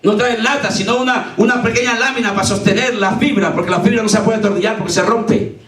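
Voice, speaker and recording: High-voiced shouting male pastor. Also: steady tone, fast talker, a loud crowd. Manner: fervent, often shouting, with anecdotes. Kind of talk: sermon. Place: church sanctuary. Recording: echoey church from far off.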